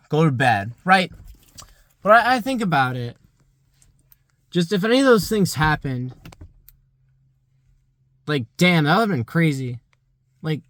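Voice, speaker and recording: A young vlogger, around 20, reflects aloud in a loose, rambling monologue where "like" keeps cropping up. His tone is a little high and fairly bright, and the recording is dry.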